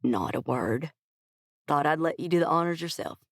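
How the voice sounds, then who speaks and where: A woman voicing an older male company boss with a gentlemanly Texas twang and brusque, good-old-boy manners, in an audiobook. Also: low voice, animated, normal speed, no room sound, clean studio sound. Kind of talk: audiobook dialogue.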